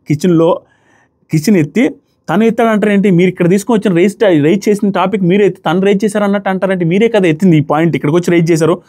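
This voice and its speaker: Man, high voice, rapid animated commentary, acts out quoted lines, Telugu accent. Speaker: reality show reviewer. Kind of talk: casual commentary recapping with quoted dialogue.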